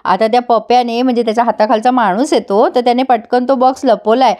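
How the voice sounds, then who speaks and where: A woman's voice: on the high side, steady tone, quick pace, a little mellow. A woman retelling a serial episode in a chatty, casual way, talking straight to viewers. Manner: chatty, addresses viewers directly. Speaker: serial recap narrator. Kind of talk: casual storytelling recap.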